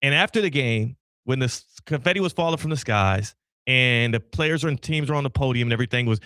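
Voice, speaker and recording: A man hosting a sports radio show, talking in a loud, energetic and playful way. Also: medium pitch, fairly quick, clean tone, dry recording, clean studio sound. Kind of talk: casual radio talk. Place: radio studio.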